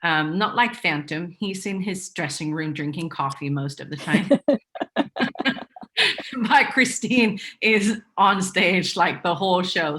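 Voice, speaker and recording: A Swedish woman, not a native English speaker, talks as a guest in a casual interview, using lots of fillers and restarting her sentences. Her voice sits low and sounds pushed and bright.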